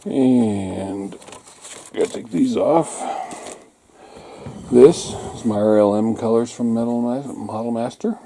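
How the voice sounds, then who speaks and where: A man giving a casual walk-through of his hobby workshop, pointing things out item by item in short, unhurried phrases. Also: medium pitch, mellow. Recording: clearly noisy amateur room recording with clicks.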